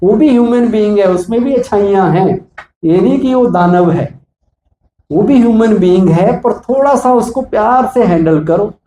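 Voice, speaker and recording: A man delivers a preachy motivational talk to police staff, asking rhetorical questions as he goes. His voice sits high but sounds mellow and dark. It echoes through a hall with faint background ambience. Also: animated, moderate pace, a little hiss or hum. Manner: preachy, asks rhetorical questions, acts out examples. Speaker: spiritual motivational speaker.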